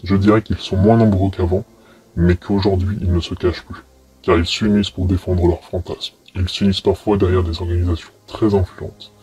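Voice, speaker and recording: A man giving measured, earnest interview testimony as an investigator. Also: low-pitched, little pitch movement, mellow, husky. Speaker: anti-paedocrime investigator being interviewed.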